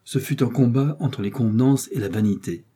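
A man reading a classic novel aloud as audiobook narration, in a steady, even manner. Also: medium pitch, fairly quick, husky. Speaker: audiobook reader.

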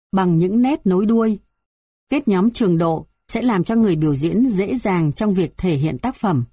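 A woman with a mellow, warm, medium-pitched voice reads aloud from a music theory textbook. She moves steadily through numbered items at an even, measured pace. The recording is dry and close, with no echo.

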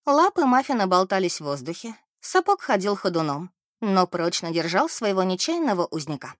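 A woman narrating a novel aloud in an expressive, measured way. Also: medium pitch, no room sound, studio quality.

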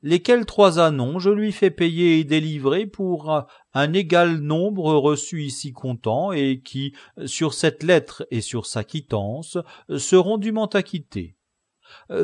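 A man's voice: a little high, no room sound, studio quality, close to an everyday voice. A man voicing a lovesick, grandiloquent middle-aged knight in an audiobook, solemn, lofty and formal. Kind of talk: audiobook character reading.

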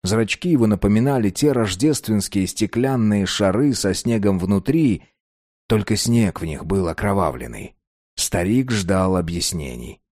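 A man narrating an audiobook in a steady, measured way. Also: lowish voice, no echo, clean studio sound.

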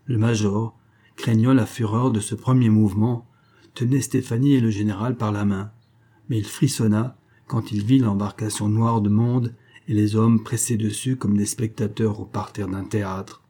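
A man reading a classic novel aloud as an audiobook narrator, in a measured and even literary style. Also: on the low side.

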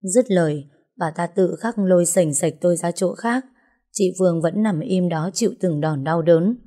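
A woman narrating an audiobook story with a measured, dramatic storytelling manner. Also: fairly low pitch. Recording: soft music under the reading.

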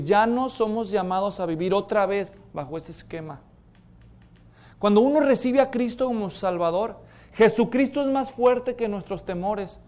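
A man with a high-sitting voice preaches a sermon, dramatically retelling stories. He acts out the voices of characters and drops into a quiet tone to emphasize his key points.

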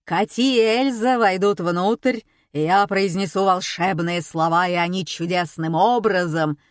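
A woman voicing a loud, showy male stage magician announcing to a crowd. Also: lowish voice, measured pace, no echo, clean studio sound, close to an everyday voice. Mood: grandly booming. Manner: bellowing, theatrical announcing.

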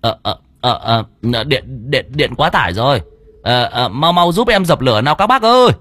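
A man's voice: a little high, lively intonation, normal speed, no room sound, pitched above the performer's own voice, lightly acted. A man voicing a panicky middle-aged male homeowner in an audio story, whimpering and stammering.

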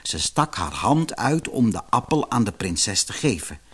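Expressive male fairy-tale narrator. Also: on the low side, measured pace, husky. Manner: expressive, theatrical storytelling. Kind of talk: audiobook fairy-tale reading.

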